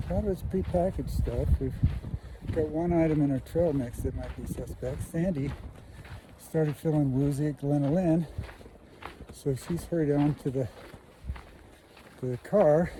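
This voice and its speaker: A man vlogging from a mountain trail while ill and weak, speaking haltingly with many fillers. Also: a little high, noisy background. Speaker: hiking vlogger. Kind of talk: casual trail vlog talk to camera.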